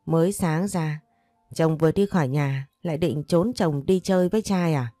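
A woman's voice: low voice, normal speed, warm tone, no echo, clean studio sound, faint music behind. A woman voicing a harsh, spiteful older first wife who scolds and sneers. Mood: sneering.

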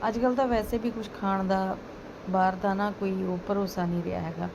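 A woman with a Punjabi accent chats to her viewers in a home vlog. Her voice sits at a middle pitch and her talk is casual, full of questions to the audience. Clear household noise runs behind her. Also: steady tone, brisk. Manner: chatty, addresses viewers with rhetorical questions. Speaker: home vlogger. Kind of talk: casual chat to viewers while doing housework. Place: at home, partly in a kitchen while cooking. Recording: noisy home recording with household ambience.

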